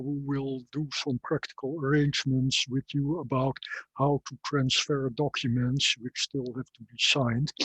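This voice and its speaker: Husky man chairing a formal ceremony. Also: medium pitch, fairly bright tone, no room sound, low-quality recording. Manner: measured, formal, lightly wry. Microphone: video call.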